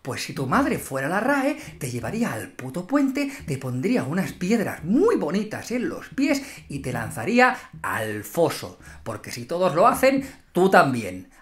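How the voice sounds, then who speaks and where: A man's voice: a little high, wildly swooping pitch, unhurried. Sarcastic man with a Spanish accent ranting. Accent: Spain. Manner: sarcastic, theatrical. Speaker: YouTuber. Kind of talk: comedic vlog rant.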